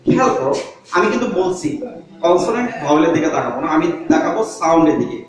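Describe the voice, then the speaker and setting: A man's voice: fairly high pitch, very animated, fast. A man teaching an online English grammar lesson, mixing Bengali and English words and asking and answering his own questions as he explains step by step. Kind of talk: online class lecture. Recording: very echoey room, from far off.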